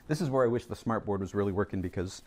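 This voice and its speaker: A man's voice: fairly low pitch, fast talker. A man teaching a chemistry class, coaxing and teasing students as he goes over review problems. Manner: lively, teasing, coaxes students to answer. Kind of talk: classroom lesson.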